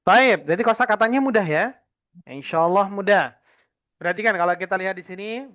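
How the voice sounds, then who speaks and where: Patient male Arabic teacher, smooth voice. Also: sits high, fairly bright tone. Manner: patient, repeats words slowly for the class. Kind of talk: explaining an Arabic lesson to adult students.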